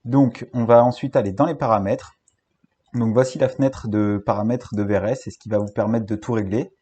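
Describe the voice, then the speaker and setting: French man, software tutorial voice-over, low pitch, mellow tone, halting with fillers. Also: fairly even intonation, slightly rough. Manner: hesitant, many fillers and restarts. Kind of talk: screen-recorded software tutorial.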